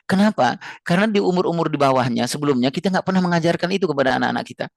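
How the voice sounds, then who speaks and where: A man lecturing parents and teachers on raising children, earnest and explanatory, repeating phrases and rising high when he stresses a point. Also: animated, rapid-fire, creaky, no echo, clean studio sound. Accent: Indonesian. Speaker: parenting speaker.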